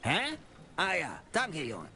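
An actor voicing a gruff, dim, irritable monster manning a carnival cannon in a cartoon adventure game. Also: male voice, a little high, huge pitch swings, slow pace, full character voice. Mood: grumpy. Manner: gruff, grumbling. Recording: loud game music behind.

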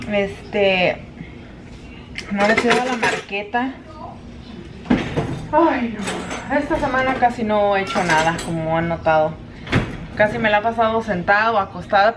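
A woman's voice: mid-range voice, noisy background. Chatty vlogger woman, mix. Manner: chatty, mixes English fillers into Spanish. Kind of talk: casual vlog chat. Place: home kitchen.

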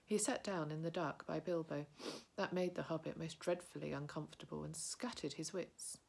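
A woman, an early childhood educator, reading a novel aloud in a calm, steady way, often dropping to a hushed whisper. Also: sits low, moderate pace, vocal fry, breathy edge.

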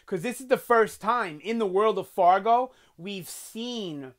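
A young guy from New York hosts a TV review channel in a casual video shot in a small bedroom with collectibles on the shelves. He's animated and loose, gestures a lot, and fills his talk with "um" and "you know," his high voice unhurried and carrying a webcam sound.

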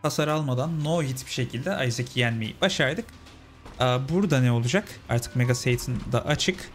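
A man's voice: medium pitch, normal speed, faint music behind. A young man giving casual let's-play commentary, chatting with his viewers as friends. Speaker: gaming channel host.

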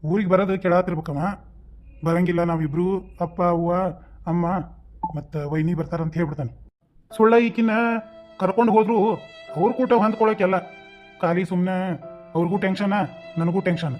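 A man's voice: high-pitched, fairly even intonation, a little fast, pauses often, muffled recording, soft background music, close to an everyday voice. A man voicing a worried, stubborn young husband in a cartoon with a North Karnataka accent. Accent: North Karnataka Kannada. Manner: grumbling, stubborn.

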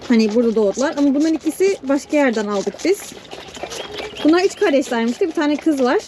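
Young woman farm vlogger with a high voice, chatty and coaxing with animals; noisy barn recording. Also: lively intonation, fast, mellow. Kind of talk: casual vlog talk while doing farm chores. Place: barn with sheep and chickens. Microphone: head-mounted camera mic. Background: bleating lambs and sheep.

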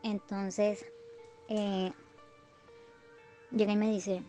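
A woman's voice: mid-range voice, level tone, very slow, mellow, soft background music. A woman tells a personal story in a conversational way, with restarts and repeated phrases. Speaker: guest giving a testimony.

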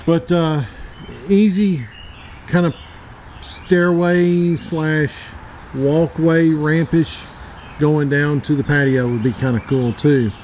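Speaking slowly in a voice on the high side and a bit mellow, a Middle Tennessee outdoors channel host in his forties rambles plainspokenly around his backyard, self-correcting along the way. It's a casual walkthrough vlog shot outdoors on a handheld camera, with poor audio and a little hiss or hum.

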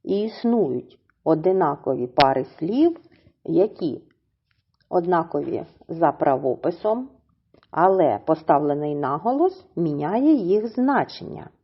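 A woman teacher with a Ukrainian accent gives a children's lesson, explaining slowly and deliberately and breaking words into syllables. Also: low-pitched, sing-song, breathy edge, highs cut off.

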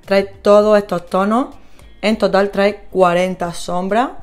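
Una vlogger de belleza con acento de España que charla de forma animada y entusiasta con sus seguidoras mientras se maquilla. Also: female voice, medium pitch, fairly even intonation, measured pace, darkish tone. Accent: Spain Spanish. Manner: chatty, gushing, talks to viewers while applying makeup. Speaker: beauty vlogger. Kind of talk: casual makeup tutorial chat.

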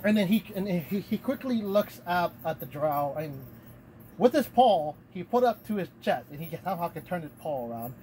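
A game master telling a tabletop scene in a loose, rambling way, correcting himself as he goes. The pitch moves about a lot. Faint ambience sits behind the voice. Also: animated, moderate pace, a little mellow, slight background noise, rough recording. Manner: rambling, self-correcting narration with laughs.

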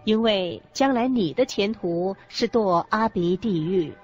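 A woman with an expressive mid-range voice plays a co-presenter in a scripted radio lecture drama, explaining Buddhism slowly, solemnly, and emphatically. The audio is dull and lo-fi, with music playing in the background.

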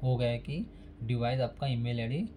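Working at a desk, a man casually explains a phone repair step by step, stating each step plainly and repeating it in an instructional way. His mid-range voice has a dark tone and moderate pace, and a little hiss or hum is audible.

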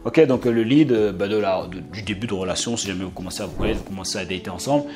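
A man's voice: sits low, rapid-fire, over music. A young man giving dating advice in a casual, slangy, joking storytelling manner. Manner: animated, streetwise, slangy and joking. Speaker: dating advice video host.

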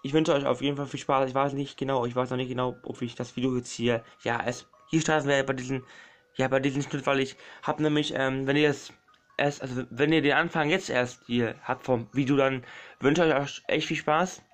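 A man's voice: medium pitch, fairly even intonation, brisk. A man commenting on a puzzle game, rambling and repeating himself, sometimes snapping at people interrupting him. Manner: rambling, repeats himself, says "meine Freunde" often. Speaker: gaming YouTuber. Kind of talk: let's play commentary.

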